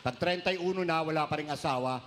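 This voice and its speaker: A man's voice: on the high side, quick pace, a bit bright, big-room sound, a little hiss or hum. A man preaching a humorous sermon as a priest, telling jokes and mixing Tagalog with English phrases. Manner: jokey storytelling, mixes Tagalog and English.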